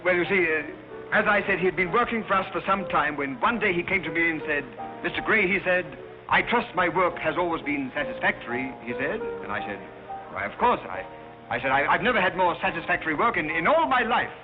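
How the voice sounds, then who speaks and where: An actor playing a jovial society gentleman in 1930s film screwball comedy banter, bluffing his way along with stammers. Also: on the high side, expressive, brisk, close to an everyday voice. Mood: improvising, bluffing. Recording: muffled 1930s film soundtrack, music behind.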